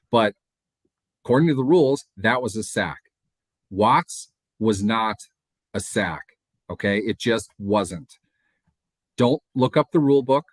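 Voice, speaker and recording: A man's voice: fairly low pitch, no echo. A man in his thirties co-hosting a sports podcast over a video call, ranting in an assertive, insistent way. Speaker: podcast co-host. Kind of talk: casual sports podcast chat. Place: home room.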